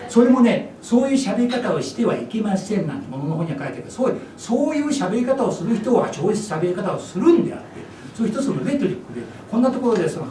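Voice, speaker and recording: In an event hall, a man runs an English speech workshop, lecturing with energy and slipping into English demonstrations. His voice is high-pitched and mellow, captured from far off in an echoey, noisy hall.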